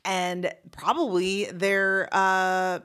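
A woman's voice: medium pitch, level tone, very slow, fairly bright tone, smooth. A woman co-hosting a casual podcast, goofy and giggly as she makes guesses. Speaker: podcast co-host.

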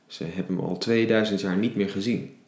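Deep-voiced man reading and explaining scripture. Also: brisk. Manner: reads scripture aloud, then explains in a relaxed, reflective way with fillers. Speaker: Bible teacher. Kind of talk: Bible reading with devotional commentary. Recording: roomy echo.

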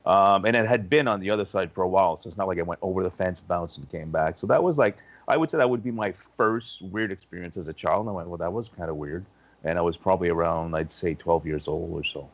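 A man's voice: deep voice, fast talker, few pauses, dry recording, dull audio. A man casually recounting experiences as an interview guest, understated and a little hesitant. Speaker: interview guest, paranormal investigator.

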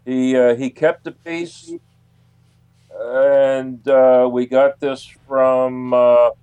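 A man speaking as an interview guest, recounting anecdotes casually in a halting, hesitant way with long pauses. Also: mid-range voice, steady tone, mellow, smooth, muffled recording.

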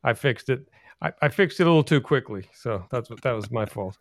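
A man's voice: mid-range voice, animated, a little fast, dry recording. A man hosting a casual talk podcast, speaking in a mid-range voice with loose, rambling sentences full of restarts. The sound is dry and close, with no room in it. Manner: rambling, with frequent restarts and fillers. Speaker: podcast host. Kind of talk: casual chat.

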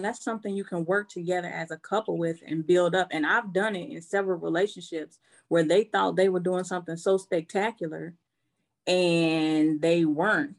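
A woman giving her candid opinion in a casual group chat, in an emphatic way. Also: on the low side.

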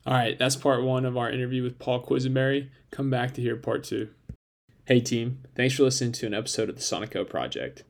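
A man's voice: medium pitch, fairly even intonation, fairly quick, creaky. A man hosting a podcast, wrapping up the episode with an upbeat sign-off. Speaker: podcast co-host. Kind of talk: podcast outro.

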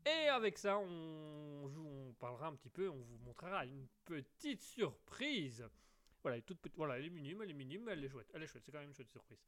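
A man's voice: fairly high pitch, sing-song, fairly quick, fairly bright tone. A man with a slight English accent hosting a live call-in radio show, playful, rambling and theatrical. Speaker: radio host.

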